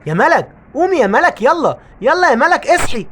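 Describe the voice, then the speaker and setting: Woman as a cartoon dad, Egyptian Arabic accent, fussing, exclamatory, lively, fast. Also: sits high, slight background noise, pitched above the performer's own voice. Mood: worried. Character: caring, jumpy father of two girls.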